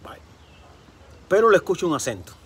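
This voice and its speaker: Animated man telling a story. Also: high-pitched, brisk, slightly rough. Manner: animated, switches into English. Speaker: vlogger. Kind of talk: casual storytelling vlog. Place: outdoors by a pool.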